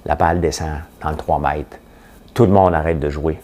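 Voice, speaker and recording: A man with a Quebec French accent, hosting a casual morning talk to camera, rambling and animated as he tells stories. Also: very deep voice, normal speed. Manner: chatty, rambling, animated storytelling. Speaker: host. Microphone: studio camera setup.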